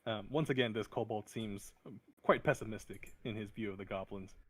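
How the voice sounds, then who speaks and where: A man running a tabletop game as game master, narrating in a halting way with many fillers. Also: fairly low pitch.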